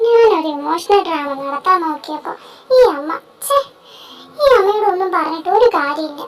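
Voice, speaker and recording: A woman's voice: very high voice, expressive, normal speed. Woman doing a whiny, dramatic college girl. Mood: sulky. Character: sulky young woman, college-bound fan girl. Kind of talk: amateur fan dub drama.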